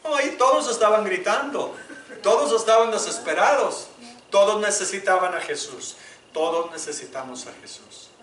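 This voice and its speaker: A man preaching a sermon as pastor, moving between loud appeals and hushed prayer. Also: high-pitched, animated, moderate pace, slight background noise. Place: church sanctuary. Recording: echoey church room, mic at a distance.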